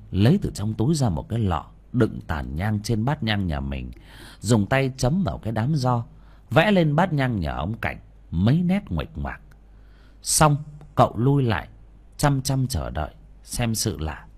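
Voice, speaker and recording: Husky, animated male storyteller. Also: lowish voice. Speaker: narrator. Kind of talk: audiobook story narration.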